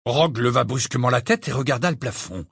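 A man narrating an audiobook with expressive storytelling. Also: medium pitch, fast talker, creaky, husky, dry recording, studio quality. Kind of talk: scripted narration.

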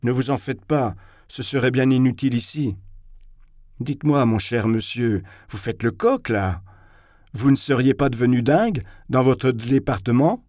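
A man reading a novel aloud, voicing a shrill, spiteful young man who sneers and takes offence quickly. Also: expressive, darkish tone, no room sound, clean studio sound, lightly acted. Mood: indignant. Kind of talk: audiobook character reading.

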